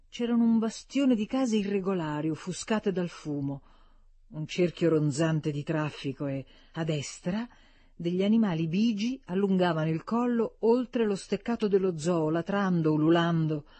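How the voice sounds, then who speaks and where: A woman narrating a literary audiobook in a measured, expressive reading voice, jumping higher when she voices the characters' cries. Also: dry recording. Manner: expressive reading, lifts pitch sharply for quoted characters.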